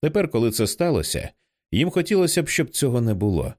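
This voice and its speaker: A man narrating an audiobook in an expressive reading style, changing his voice for the characters. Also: mid-range voice, quick pace. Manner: expressive, acts out many characters. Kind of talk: scripted narration.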